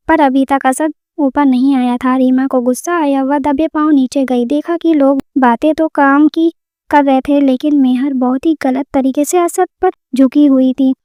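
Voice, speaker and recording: A woman reads a dramatic story aloud in a steady, scripted way. Her voice is high yet mellow in tone. The sound is dry and close. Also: dry recording. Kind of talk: scripted narration.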